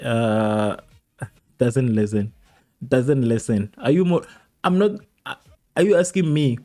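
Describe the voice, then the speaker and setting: Laid-back South African streamer, mellow voice. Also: male voice, medium pitch, slow, soft background music. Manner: laughing, repeats himself, reads and answers chat. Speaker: livestream host. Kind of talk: casual chat with live chat viewers.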